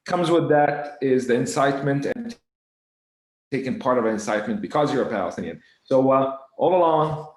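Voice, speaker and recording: Guy from kuwait on a video call, echoey room, halting, lots of uhs. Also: medium pitch, expressive. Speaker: guest speaker. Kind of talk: interview answers over video call.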